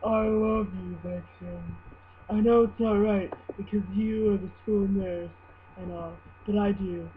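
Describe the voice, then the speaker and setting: A woman's voice: medium pitch, fairly even intonation, unhurried, natural voice. A shy, self-doubting young man in love, read out by a woman. He is earnest and hesitant in this amateur story reading. The recording is dull, with a faint hum. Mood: nervous, lovesick. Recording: muffled, humming home recording.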